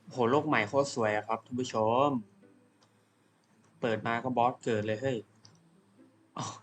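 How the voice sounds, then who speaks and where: A young man casually commentating his own video game play, excitable, calling out attack names and humming along in fights. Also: mid-range voice, moderate pace. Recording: game music behind the voice.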